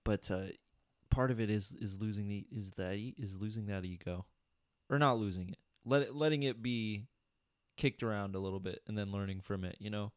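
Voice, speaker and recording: A man's voice: lowish voice, steady tone, fairly quick, clear, resonant tone, no room sound. Young male co-host, laid-back slangy talker, dry close sound. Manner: laid-back, swears, says "dude" and "man". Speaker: podcast co-host. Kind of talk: casual chat.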